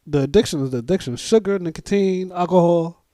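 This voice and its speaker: A man in his forties from Haiti co-hosts a casual podcast chat. He talks fast and teases, repeating his phrases, and his voice is mellow and slightly high with a dry, close sound. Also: dry recording. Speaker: podcast co-host.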